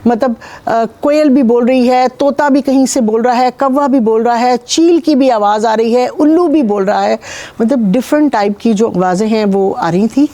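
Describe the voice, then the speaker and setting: A woman from Pakistan speaks as a guest healer in a sit-down interview. Her voice is mellow and warm, and she tells her story in a calm, measured way with frequent pauses. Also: a little high. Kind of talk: interview, recounting personal experiences.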